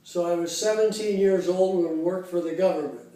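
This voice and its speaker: A man in his eighties from Cincinnati, Ohio, recalling his life in an interview, unhurried and halting with many fillers. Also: sits high, mellow. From Cincinnati, Ohio, USA. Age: 80s. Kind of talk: casual oral history interview. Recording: very echoey room, voice far from the mic.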